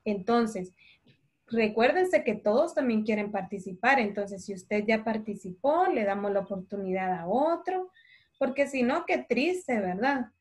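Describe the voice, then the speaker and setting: A woman teaching a primary class over a video call, patient and affectionate, dictating words slowly and clearly. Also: on the high side, lively intonation, darkish tone.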